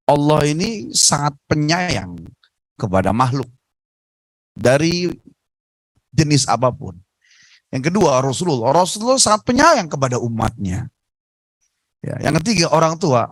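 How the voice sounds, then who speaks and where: A man preaching on a radio talk show, telling stories in a lively, emphatic way. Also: mid-range voice, no room sound, poor audio. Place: radio studio.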